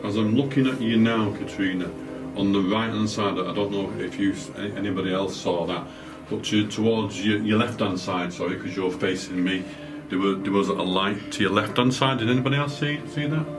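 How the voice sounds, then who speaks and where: A man leading a night-time ghost hunt as a medium, calm and reassuring, often stumbling over his words. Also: lowish voice, a little fast, few pauses, over music. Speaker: medium leading a paranormal investigation. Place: indoors in a house at night.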